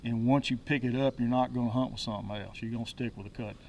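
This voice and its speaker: Male instructor, medium pitch, folksy and plain-spoken, teaching outdoors, somewhat distant mic. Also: steady tone, fast talker, creaky, highs cut off, over music. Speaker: duck calling instructor. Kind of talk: instructional talk with demonstrations. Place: outdoors, woods by water.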